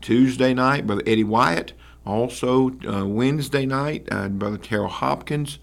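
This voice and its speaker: A man, hosting a church radio broadcast and giving announcements in a folksy, halting way with many fillers and amens. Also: medium pitch, gravelly. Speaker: radio host and church pastor.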